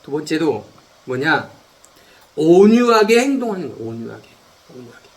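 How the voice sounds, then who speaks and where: A male pastor with a high, animated voice preaches a sermon. He repeats key words and answers his own questions, swinging from loud emphatic lines to quiet low ones. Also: normal speed.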